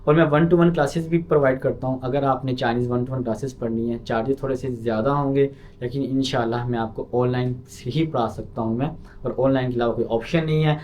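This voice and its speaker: A man's voice: medium pitch, steady tone, a little fast, slight background noise. Pakistani man drilling sounds aloud. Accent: Pakistani Urdu. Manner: explains patiently, drills sounds by repeating them loudly. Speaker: language teacher. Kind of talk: online lesson.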